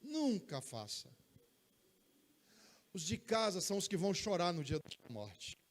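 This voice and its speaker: Brazilian male pastor, higher voice, animated church sermon. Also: measured pace. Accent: Brazilian Portuguese. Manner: emphatic, animated preaching with acted quotes. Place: church service, streamed live.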